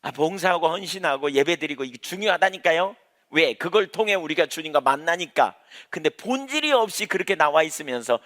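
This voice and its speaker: A man's voice: a little high, bright, forceful tone. A man preaching an evening sermon in church as its pastor, emphatic, repeating key phrases and asking rhetorical questions. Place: church, evening prayer service. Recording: reverberant church hall.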